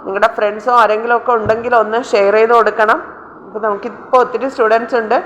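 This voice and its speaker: A woman's voice: on the high side, steady tone, a bit bright. Malayali woman teacher in a roomy hall. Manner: slow when reading English questions, quicker in her own explanations. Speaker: English teacher. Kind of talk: exam paper discussion lesson. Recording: roomy with faint background noise.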